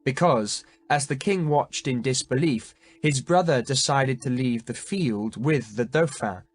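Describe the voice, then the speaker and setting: Measured male audiobook narrator. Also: mid-range voice, no room sound. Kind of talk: scripted narration.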